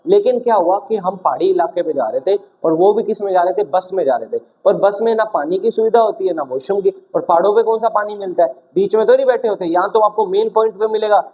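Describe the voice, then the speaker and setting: A young man teaching exam vocabulary in a lively classroom style, asking questions and answering them himself and acting out little stories. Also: sits high, dull audio. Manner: acts out little stories with shouted quotes. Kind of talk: energetic classroom-style video lesson.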